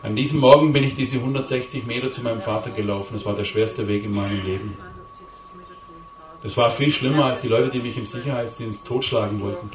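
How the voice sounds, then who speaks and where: A middle-aged lay preacher with a mid-range voice gives an emotional testimony to a live audience in a spacious hall, his voice carrying from some distance from the mic. Speaking fairly quickly with fairly even intonation, he tells a confessional story intensely and drives home key words by repeating them.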